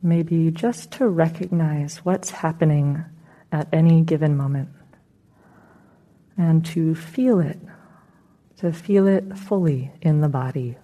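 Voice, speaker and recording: A woman with a deep voice guides a meditation as its teacher, giving gentle instructions in a calm, unhurried way.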